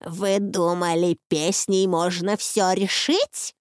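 Baba Yaga, creaky scornful old witch, as a woman voices her. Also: lowish voice, steady tone, no echo, studio quality. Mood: contemptuous. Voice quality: creaky, icy voice. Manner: slow, scornful, menacing. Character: ancient wrathful forest witch, old woman. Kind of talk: audiobook reading.

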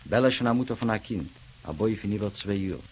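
A man narrating a radio drama in a measured storytelling manner. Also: lowish voice, low-quality recording. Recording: hissy old radio recording.

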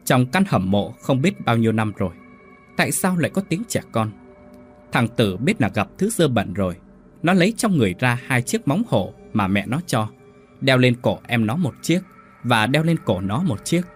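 A man narrating a ghost story in a suspenseful, expressive scripted style. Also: mid-range voice, moderate pace, soft background music.

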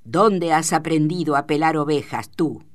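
A woman's voice: deep voice, measured pace. Woman playing a harsh, commanding ranch boss. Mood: scolding. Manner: rough, commanding.

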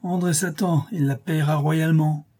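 A man voicing a coarse, grumbling outlaw with a hoarse, whisky-soaked voice. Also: a little high, fairly even intonation, moderate pace, mellow, voice pushed up. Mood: gruff.

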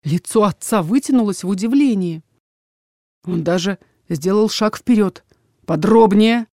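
Woman, audiobook narration, first-person, steady storytelling, mid pitch, dry close sound. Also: moderate pace, no echo.

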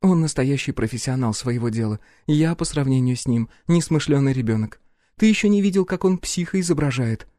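A man voicing a calm, teasing young woman, a former sport shooter. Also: mid-range voice, brisk, no echo, studio quality, voice pushed up, close to an everyday voice. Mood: wry, calm.

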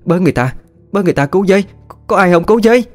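A man voicing a boastful, scheming young village woman, showy and shrill when panicked. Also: a little fast, darkish tone, soft background music, close to an everyday voice.

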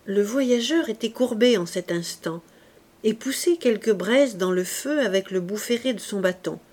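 A woman narrating a classic novel as an audiobook reader, calm and measured. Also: mid-range voice.

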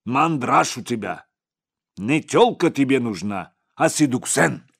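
A man voicing a blunt, gruff male bodyguard who mocks his boss in an audiobook. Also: medium pitch, expressive, measured pace, fairly bright tone, pitched above the performer's own voice, heavily acted. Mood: mocking. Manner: mocking, blunt, crude.

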